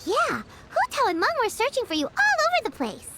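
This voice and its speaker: Chirpy and exaggerated, a woman voices a tiny, cheeky, childlike fairy companion in a video game who refers to herself in the third person. Her high, squeaky voice swoops wildly in pitch at a fairly quick pace, and the recording is very noisy.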